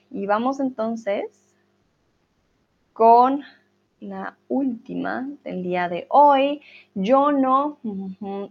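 A woman teaching a live online grammar lesson, patiently drilling verb conjugations aloud and reassuring her students. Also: mid-range voice. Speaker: Spanish teacher. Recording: slightly dull lo-fi sound.

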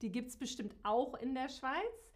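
A woman who teaches a live geography lesson to viewers, speaking slowly and clearly and repeating key words. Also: high voice, animated. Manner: slow, repeats key words, warm direct address to viewers. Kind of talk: slow, clearly articulated live-stream lesson.

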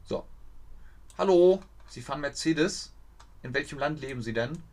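A man's voice: on the high side, lively intonation, measured pace, darkish tone. A young man streaming a geography guessing game, thinking aloud, reading viewers' chat and stumbling over foreign place names.

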